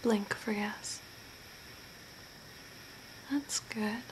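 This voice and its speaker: Playing a calm and eerie zombie makeup artist, a young woman whispers in a soft, breathy, mid-range voice for an ASMR role play, giving gentle instructions slowly and with deliberation. As an ASMR host in a small home room by a window, she's captured on a noisy recording with hiss and clear background noise.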